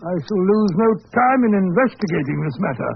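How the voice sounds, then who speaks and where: An actor playing a self-important, good-natured British gentleman doctor in a 1940s radio drama, blustering and stammering pompously. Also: sits high, big pitch swings, brisk, gravelly, husky, heavily acted. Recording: muffled, hissy 1940s radio recording.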